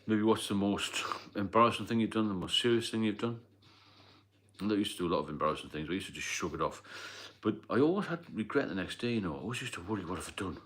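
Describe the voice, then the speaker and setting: He's a livestream host with a fairly low, expressive, slightly bright voice, and he talks fast. The chat is casual and rambling, plainly spoken, with viewer comments answered as he goes.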